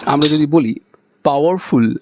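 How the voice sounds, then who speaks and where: A man's voice: fairly high pitch, lo-fi sound, noisy background. Bengali-accented man teaching pronunciation. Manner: explains patiently and demonstrates sounds slowly. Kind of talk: spoken lesson to camera.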